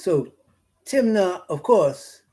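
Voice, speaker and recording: Slow, halting Bahamian man teaching scripture. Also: high voice, expressive, dark tone. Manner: halting, many fillers and restarts, reads verses slowly. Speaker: Bible teacher. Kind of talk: slow informal scripture study talk.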